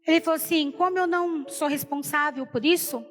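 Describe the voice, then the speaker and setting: A woman's voice: high-pitched, brisk, long reverb tail. A woman preacher giving an emotional personal testimony in a sermon, retelling the story with many repeated quotes, speaking Brazilian Portuguese. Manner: storytelling, repeats "falei assim".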